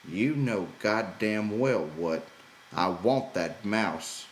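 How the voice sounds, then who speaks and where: Irritable working man, done by a male reader: low, brusque, bossy, rustic dialect, audiobook character in a roomy recording. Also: lively intonation, takes it slowly. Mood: stern. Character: gruff, irritable, bossy male ranch hand. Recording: roomy echo, background noise.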